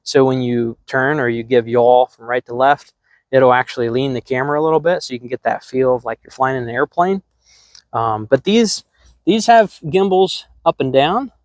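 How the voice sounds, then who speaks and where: On his drone hobby channel, a middle-aged host gives laid-back product talk straight to camera, rambling and frequently restarting sentences amid many ums. The recording has no room sound, and he speaks in a mid-range voice at moderate speed.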